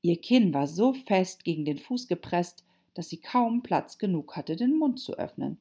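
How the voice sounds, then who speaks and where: Husky, gravelly woman reading a storybook. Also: lowish voice, unhurried. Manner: expressive, lively narration. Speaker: narrator. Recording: dull lo-fi recording.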